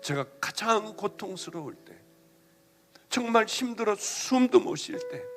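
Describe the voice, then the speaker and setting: High-voiced pastor with swinging delivery. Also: male voice. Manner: emotional storytelling, swings from loud to hushed. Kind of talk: sermon testimony.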